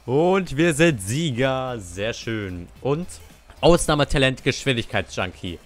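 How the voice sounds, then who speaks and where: A man's voice: medium pitch, lively intonation, a little slow, soft background music. Young man ranting over a game. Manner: salty, swears and rants at teammates. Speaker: gamer. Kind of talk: casual gameplay commentary.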